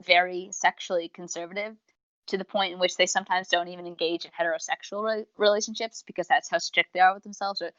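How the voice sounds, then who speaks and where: This fast-talking young woman, whose pitch is fairly low, co-hosts a casual podcast fan discussion and reviews as well. She rambles on talkatively, acting out quotes in spirited retellings. The recording is lo-fi and dull, with no room sound.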